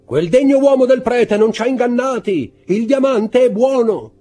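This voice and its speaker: A man voicing a greedy, excitable male innkeeper who shouts eagerly in an audiobook. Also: high voice, normal speed, breathy edge, soft background music, pitched above the performer's own voice. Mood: excited.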